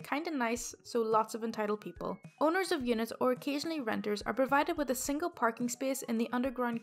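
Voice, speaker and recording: A woman hosting a storytime channel, reading online posts aloud in a steady, even delivery. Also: fairly high pitch.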